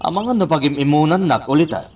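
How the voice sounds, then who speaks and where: A man's voice: on the high side, fast, far from the mic, slight background noise, natural voice. A man voicing a tired young nephew who speaks plaintively, in a radio drama.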